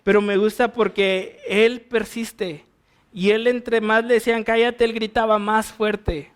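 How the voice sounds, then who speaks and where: A man with a Mexican accent gives verse-by-verse Bible teaching from the pulpit. His voice sits high for a man. He keeps a conversational tone and often turns rhetorical questions toward his listeners. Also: little pitch movement, unhurried, clean tone. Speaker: pastor.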